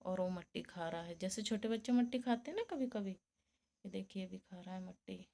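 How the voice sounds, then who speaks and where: A chatty woman speaking, addressing her viewers as friends in a relaxed home vlog. Her tone is tired and homely. Now and then she slips into a high, cooing sing-song voice for her pets. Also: moderate pace, gravelly. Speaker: vlogger.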